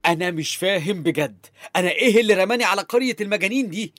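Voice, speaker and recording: A man's voice: high voice, racing, fairly bright tone, no echo, studio quality, faint music behind. A man with an Egyptian accent playing a young captive, blustering and stammering when afraid. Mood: defiant. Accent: Egyptian Arabic. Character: young man captive on an island of women, defiant.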